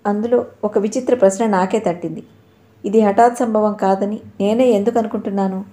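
Female narrator for an audio novel, mellow tone, voices every character herself. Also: medium pitch.

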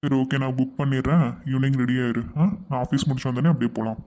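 A woman doing a deep-voiced teasing young husband. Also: fairly even intonation, quick pace, dark tone, slight background noise. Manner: playful, coaxing.

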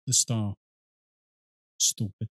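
In a small indoor room, seated at a desk with a headset, a man in his thirties hosts a reaction video, rambling casually about a game, often correcting himself and swearing. He draws out his words, and his tone is fairly bright.

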